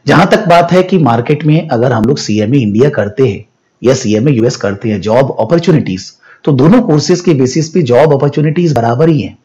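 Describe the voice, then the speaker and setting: A man explaining to students, moving between Hindi and English phrases in a steady teaching tone. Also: medium pitch, fairly quick, lo-fi sound. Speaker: education academy founder and teacher.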